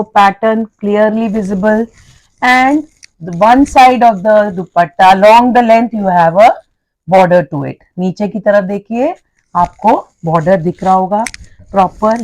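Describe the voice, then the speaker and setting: A woman's voice: a little high, darkish tone, low-quality recording. A woman in her thirties with an Indian accent showing dupattas for sale, explaining each point carefully and often repeating or correcting herself. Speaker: clothing seller presenting dupattas. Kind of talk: product showcase, switching between Hindi and English.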